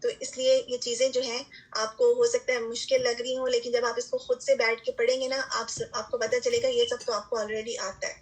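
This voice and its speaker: A woman's voice: a little high, level tone, few pauses, rough recording. A woman teaching a recitation lesson, explaining step by step and often checking in with her students. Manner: patient explaining, frequent "theek hai" check-ins, English terms mixed in. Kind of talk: online lesson lecture.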